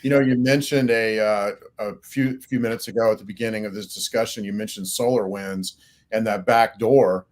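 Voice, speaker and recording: A man's voice: on the low side, fairly even intonation, normal speed. A man co-hosting a cybersecurity podcast, talking casually and rambling with frequent fillers.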